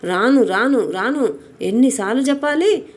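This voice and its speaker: A stubborn, devoted young disciple, voiced by a woman telling the story. He insists over and over, firm and unafraid, his voice pushing up high when he refuses. It sits on a mellow, soft-edged tone. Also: moderate pace, lightly acted. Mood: defiant. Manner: defiant, insistent.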